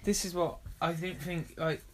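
A woman co-hosting a casual film review chat, narrating the scenes with relaxed, dry asides. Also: on the low side, normal speed, a crowd in the background. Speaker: podcast co-host.

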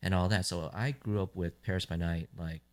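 Deep-voiced American-born podcast host. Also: male voice, fairly even intonation, brisk, darkish tone. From United States. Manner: rambling questions with fillers. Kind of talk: casual interview chat.

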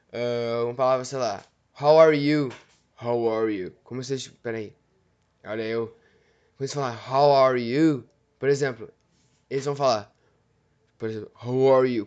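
A man's voice: mid-range voice, darkish tone. A man hosting his own show in a casual, rambling, informal monologue that often corrects itself. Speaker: show host.

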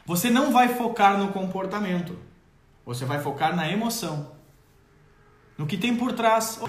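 A man giving an expressive, theatrical talk on parenting and children's emotions, addressing mothers directly. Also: sits high, slight background noise. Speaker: parenting educator. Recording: roomy echo.

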